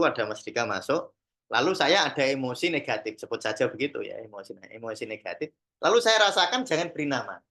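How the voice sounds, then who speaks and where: Bright and forceful, sitting on the high side, this man's voice has a Javanese accent. As a Sufi teacher and therapist trainer, he delivers a casual, conversational lesson to a class, dropping in Javanese expressions and playing out brief example exchanges.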